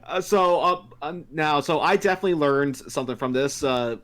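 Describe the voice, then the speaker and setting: A man's voice: a little high, normal speed, a bit bright. A man hosting a casual panel discussion, talking with many fillers and restarts. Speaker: podcast host.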